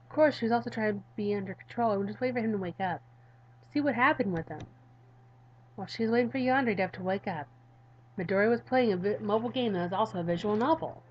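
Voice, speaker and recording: Talking quickly, this woman hosts a gaming video on YouTube, voicing visual novel narration and chatting casually with her audience in a medium-pitched voice. The lo-fi audio is a bit dull and carries a little hiss or hum.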